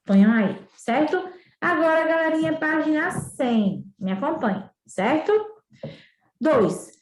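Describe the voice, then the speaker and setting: High-voiced woman teacher in echoey room. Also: lively intonation, takes it slowly. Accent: Brazilian Portuguese, northeastern. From Brazil. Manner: explanatory, frequent tag questions. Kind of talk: remote school lesson.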